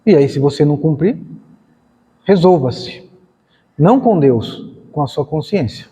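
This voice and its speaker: A man's voice: on the high side, lively intonation, measured pace, mellow, lo-fi sound. A man giving a lecture at a spiritist center, talking conversationally, acting out dialogues and asking rhetorical questions. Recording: long hall reverb.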